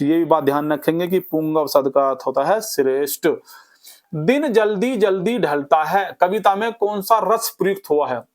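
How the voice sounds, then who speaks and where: A fairly high-voiced man teaches a revision lesson. He drills the class in a lively, repetitive way, firing off questions and answering them himself. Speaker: Hindi exam-prep teacher.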